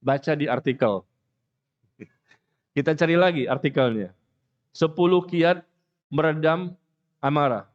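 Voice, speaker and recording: A man giving a mosque lecture, animated and joking, acting out the people he talks about. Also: on the high side, a little slow, pauses often, lo-fi sound. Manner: animated, jokes, acts out quoted speakers. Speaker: preacher.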